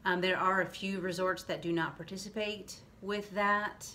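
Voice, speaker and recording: A woman's voice: medium pitch, steady tone, normal speed, bright, forceful tone. A woman hosting a vlog, explaining things in loose, rambling casual chat. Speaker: vlog host. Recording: faint background noise.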